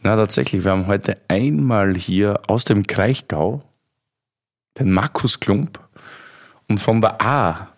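A man's voice: on the low side, slow. A man co-hosting a wine podcast, asking questions and making dry, wry remarks. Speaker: podcast co-host. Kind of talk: casual podcast chat.

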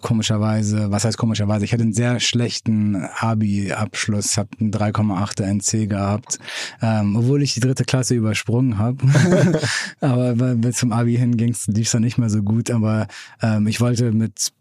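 Low, flat-voiced man in his thirties. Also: moderate pace, no room sound, clean studio sound. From born in Iran, raised in Hamburg. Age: 30s. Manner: hesitant, many fillers and restarts. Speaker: podcast guest, music label executive. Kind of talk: casual interview talk.

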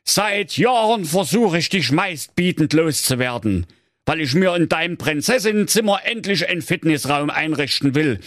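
A man's voice: on the high side, lively intonation, moderate pace, fairly bright tone, dry recording, clean studio sound, voice pushed up. A man voicing a grumpy, crude old king in a coarse Saxon accent. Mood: grumbling. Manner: coarse and blustering.

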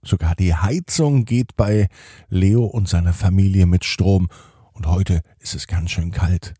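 A man gently narrating a bedtime story and talking straight to children. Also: low-pitched, a little slow, slightly rough, no echo, clean studio sound. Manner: gentle, addresses children directly.

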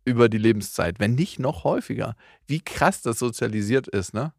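A man's voice: medium pitch, expressive, brisk, vocal fry, a little mellow, breathy edge, no echo, clean studio sound. A man in his thirties co-hosting a casual chat, teasing and sarcastic, laughing often. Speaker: podcast co-host.

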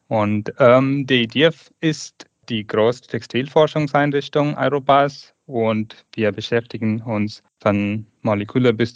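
A South Indian man in his late 30s with a lowish voice appears as a guest researcher on a podcast interview over an internet call. He sounds hesitant, searching for words in a second language, and the video-call audio is dull and dry.

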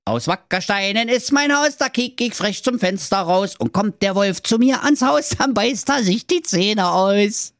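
An excitable squeaky boy piglet. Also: unhurried, vocal fry, few pauses, dry recording, studio quality, heavily acted. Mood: singing proudly. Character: eager helpful little male piglet.

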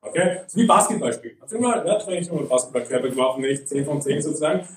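High-voiced German-speaking preacher in a roomy hall. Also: male voice, lively intonation, far from the mic. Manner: conversational, often asks "nicht?" and "okay?"; reads Bible verses slowly and deliberately. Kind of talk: sermon.

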